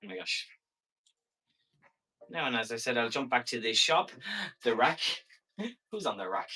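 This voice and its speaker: A man's voice: mid-range voice, very animated, a little slow, pushed and bright, husky. A man hosting a live-stream shopping show, selling in a casual, chatty, rambling way with jokey asides.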